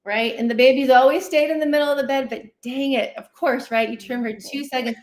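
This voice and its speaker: In a steady tone pitched high and moving a little fast, this licensed clinical social worker, appearing as a guest therapist on a livestream interview, explains conversationally and with animation. She voices inner dialogue aloud and often asks "right?". Her audio carries a roomy echo.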